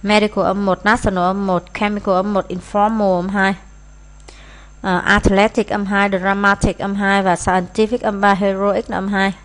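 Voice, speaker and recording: A woman's voice: mid-range voice, flat delivery, normal speed. A Vietnamese-speaking woman teacher walking through exam answers, reading English phrases aloud with frequent hesitant fillers.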